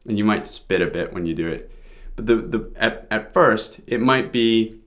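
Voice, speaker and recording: A man's voice: on the low side, normal speed, a bit bright. A man giving an informal pronunciation lesson, explaining sounds step by step as a teacher.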